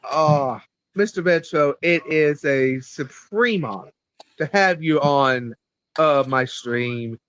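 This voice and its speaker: A man hosting a casual live stream, talking in a halting way with many fillers and restarts. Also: a little high, fairly bright tone, clean tone. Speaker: streamer host.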